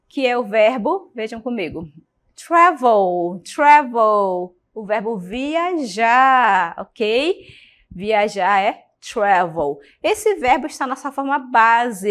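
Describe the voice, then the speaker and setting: A woman with a Brazilian Portuguese accent teaching an English lesson, patient and checking in often with her students. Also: on the high side. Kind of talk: recorded class lesson.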